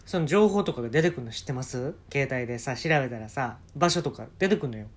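A man with a Kansai accent tells a rambling comic tale as a solo podcast host. His voice sits at an ordinary pitch, and he chats casually, slipping into quoted dialogue as he goes. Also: animated, quick pace. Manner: conversational, acts out quoted dialogue. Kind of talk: casual comedic storytelling monologue.

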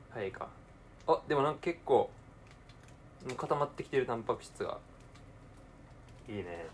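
Excitable young Kansai man, low voice. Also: slight background noise. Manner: talks to himself, alternating mumbling with excited outbursts. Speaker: podcaster. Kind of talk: casual solo talk while cooking.

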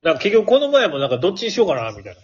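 A man's voice: high voice, huge pitch swings, racing, slightly rough, dull audio. A man with an Osaka-area Kansai accent in jokey casual banter as a radio talk co-host, often repeating himself for emphasis. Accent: Osaka-area Kansai Japanese. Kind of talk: casual two-person banter.

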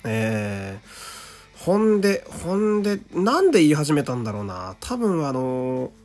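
Lively-pitched chatty male voice actor. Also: unhurried, faint music behind. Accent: put-on Kansai dialect mixed with standard Japanese. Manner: chatty, self-deprecating, laughs often, reads listener letters aloud. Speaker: voice actor hosting a solo talk radio show. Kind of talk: casual solo talk radio chat.

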